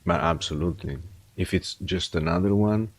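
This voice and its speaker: A male streamer whose first language is English chats casually on a livestream, giving reflective, rambling advice about learning languages and often restarting sentences. His voice is deep, his pace moderate, and the recording dry.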